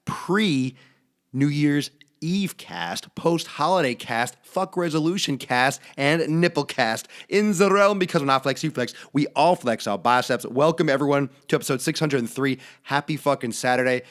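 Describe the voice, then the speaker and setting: A man with a hoarse, failing voice hosting a casual fitness livestream in a brash, profane, jokey way. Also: fairly high pitch, a little slow. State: hoarse, losing his voice from being sick. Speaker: fitness show host.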